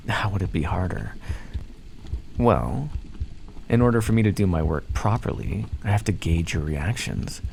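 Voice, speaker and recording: Low and full of vocal fry, the darkish, exaggerated voice carries over slight background noise. The man acts as a playfully menacing vampire holding the listener captive in an ASMR roleplay, smug, condescending and theatrical, teasing with pet names in a drawl.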